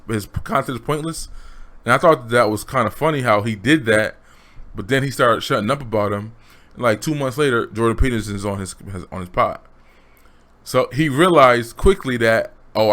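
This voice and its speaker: A man's voice: medium pitch, a bit bright. A man giving blunt, slangy opinion commentary straight to his viewers. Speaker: commentary vlogger.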